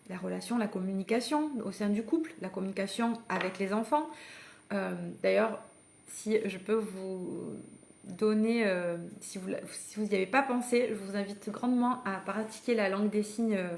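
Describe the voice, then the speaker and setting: A slight hiss or hum runs under this live online masterclass, where a parenting coach with a mid-range, slightly mellow voice and some vocal fry talks to her listeners. She's conversational and encouraging, speaks to them directly, invites them to act, and frequently hesitates and restarts.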